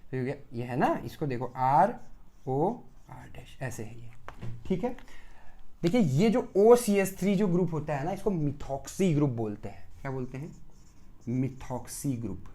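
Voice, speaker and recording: A man's voice: a little high, expressive, unhurried. A man teaching pharmacy chemistry in a recorded lecture. He asks the class questions, answers them himself and repeats key terms several times. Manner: swings between loud bursts and soft asides.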